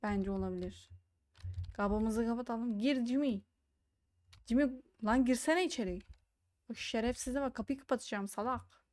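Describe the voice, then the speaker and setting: A woman's voice: on the high side, normal speed, pauses often, darkish tone, no room sound. A woman giving casual let's-play commentary, swearing, joking and reading game dialogue aloud. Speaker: gaming YouTuber.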